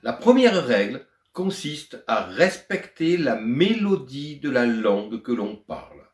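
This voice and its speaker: An older man teaching French to foreign learners, speaking deliberately and clearly in a lesson. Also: fairly high pitch, echoey room. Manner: deliberate, lively melodic teaching voice. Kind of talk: slow explanatory lesson to learners.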